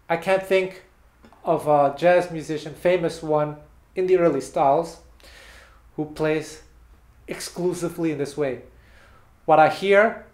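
This casual guitar lesson features an animated teacher whose male voice runs a little high, and he uses hand gestures to explain between playing. He sits with his guitar in a small bare room, and the fixed camera a few meters away picks up roomy echo.

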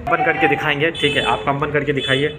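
A man teaching a science demonstration lesson, explaining step by step and filling pauses with "okay" and "friends". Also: on the high side, flat delivery, heavy background noise. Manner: repeats "theek hai" and "doston" often.

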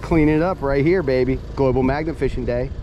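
An excited man narrating his magnet fishing outdoors at a waterfront, hyped and shouting catchphrases. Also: medium pitch, brisk, highs cut off, slight background noise. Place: outdoor waterfront docks and park.

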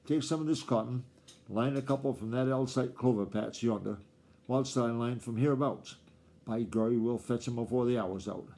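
A man reading a storybook aloud, voicing an excitable old farmer grandfather who talks in a rustic old-time country dialect and snaps and scolds. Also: medium pitch, moderate pace, natural voice. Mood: scolding. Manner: snappish, scolding.

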